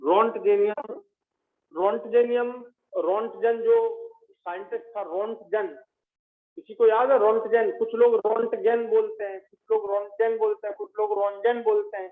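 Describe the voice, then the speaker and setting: A man teaching chemistry, repeating each element name slowly so students memorize it. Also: high voice, fairly even intonation. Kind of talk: classroom lecture. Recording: tinny phone-like audio.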